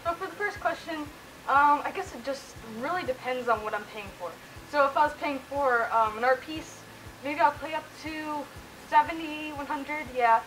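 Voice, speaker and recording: A woman's voice: high voice, normal speed, slight background noise, rough recording. A woman talking inside a costume head, chatting casually and rambling as she answers viewer questions. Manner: relaxed, rambling, with fillers and laughs. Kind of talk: casual Q&A chat.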